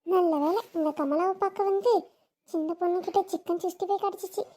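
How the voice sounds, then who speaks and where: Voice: very high voice, fairly even intonation, a little fast, warm tone. Woman playing a sly freeloading aunt. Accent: southern Tamil Nadu. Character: middle-aged aunt, freeloading relative.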